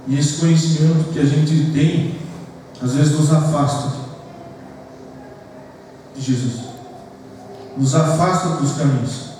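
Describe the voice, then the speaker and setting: A man's voice: on the high side, steady tone, takes it slowly, pauses often, dark tone, slight background noise. A man from Brazil, a pastor preaching an earnest sermon to his congregation in a church hall. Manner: earnest, addresses the congregation as "queridos". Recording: echoey church hall picked up from far off.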